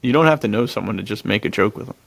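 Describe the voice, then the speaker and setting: A fairly low-pitched American man with vocal fry races through his words in an animated way. Hosting a podcast, he chats informally about films and anecdotes, chuckling often and dropping "dude" all the time.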